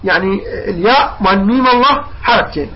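A man's voice: high voice, a little fast, highs cut off. A man teaching Quran recitation rules, explaining patiently, repeating points and drawing out the recited examples. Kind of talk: recitation lesson.

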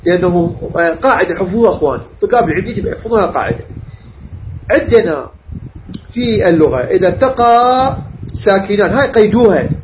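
A man teaching Quran recitation rules step by step, often pausing to check that his students follow. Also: high-pitched. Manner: methodical, checks understanding with questions. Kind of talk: lesson. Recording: dull lo-fi recording with faint noise.

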